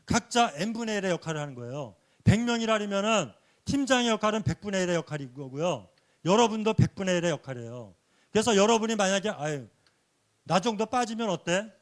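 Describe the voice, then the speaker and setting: A man giving a sermon-like church lecture, earnestly explaining points and dropping a soft affirming "yes" between phrases. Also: high voice, sing-song, quick pace. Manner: earnest, explanatory teaching with rhetorical questions.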